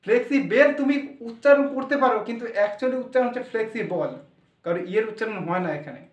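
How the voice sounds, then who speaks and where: A man's voice: very high-pitched, expressive, rapid-fire. A man teaching English pronunciation, explaining step by step and asking his students questions. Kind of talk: explanatory classroom lesson. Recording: echoey room, voice from far off.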